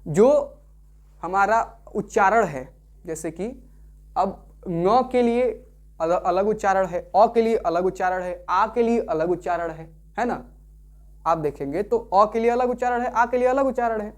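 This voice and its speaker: A man's voice: sits high, measured pace. A man teaching a Sanskrit lesson. He explains patiently, repeats himself and often checks that the listener is following. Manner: repetitive, keeps checking understanding with tag questions.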